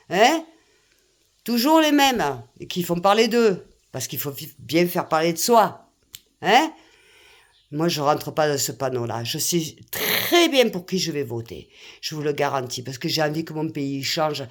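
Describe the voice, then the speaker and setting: An older woman, ranting indignantly to her viewers, full of exclamations and repeated phrases. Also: sits low. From France. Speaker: vlogger. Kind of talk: angry rant to camera.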